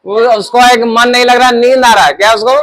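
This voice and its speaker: High-voiced teacher drilling a class. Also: male voice, fairly even intonation, brisk, a bit bright. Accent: Bihari Hindi. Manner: scolding, drills pupils with call-and-response questions. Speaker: math teacher.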